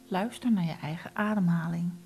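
A woman guiding a relaxation meditation, speaking softly and often in a whisper. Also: on the low side, gravelly, soft background music. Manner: slow, soft, often whispered instructions. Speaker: meditation guide.

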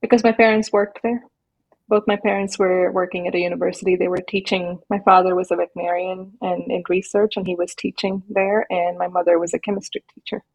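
A woman from India and Nigeria, talking thoughtfully as an interview guest with many small pauses and restarts. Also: lowish voice, level tone, darkish tone, rough recording. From born in India, raised in Nigeria. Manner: thoughtful, measured, with frequent fillers and restarts. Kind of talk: interview conversation.

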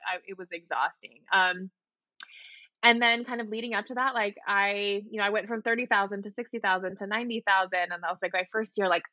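A woman's voice: medium pitch, brisk, dry recording. A woman in her thirties from Hawaii, a guest on a podcast, chatting casually from her home apartment over a call, full of "like" and the odd curse word. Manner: chatty, peppered with "like", casual swearing. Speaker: podcast guest, wedding photographer. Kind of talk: casual interview chat. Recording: dry, slightly dull lo-fi sound.

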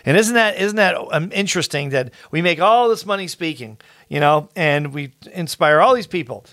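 A middle-aged man hosting a podcast, telling a story in an earnest, animated way with frequent restarts. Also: fairly high pitch, moderate pace, dry recording, studio quality. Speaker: podcast host. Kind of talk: casual storytelling.

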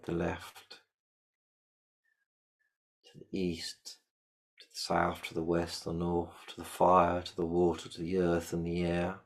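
A man leading a guided shamanic meditation, giving calm, repetitive step-by-step instructions. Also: sits low, gravelly.

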